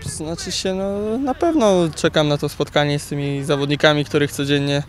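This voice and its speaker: A young footballer in his twenties answering interview questions outdoors beside a pitch, halting with many repeated words. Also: faint music behind. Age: 20s. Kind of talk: post-training interview. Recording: faint outdoor noise.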